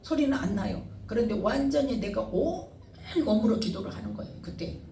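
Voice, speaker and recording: A woman's voice: on the high side, lively intonation, fairly quick, mellow, reverberant, recorded from a distance, slight background noise. A woman pastor preaching a sermon, asking the congregation questions and retelling scenes with feeling. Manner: call-and-response questioning, dramatic retelling.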